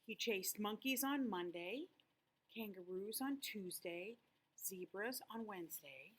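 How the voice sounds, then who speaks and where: An older woman reading a children's storybook aloud in the expressive manner of a sweet old lady. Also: mid-range voice, a little slow, a little hiss or hum.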